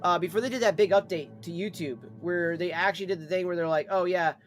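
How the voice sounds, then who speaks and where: A man's voice: high voice, fast talker, soft background music. A man chatting casually on a livestream in a rambling, repetitive way, with some swearing. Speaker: live streamer.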